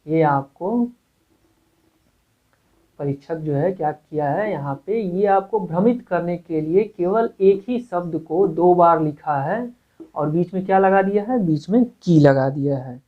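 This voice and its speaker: A man's voice: high-pitched, unhurried. A male Hindi grammar teacher giving an exam-prep lecture. He repeats words, asks himself rhetorical questions and keeps checking in with "okay". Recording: tinny phone-like lo-fi audio.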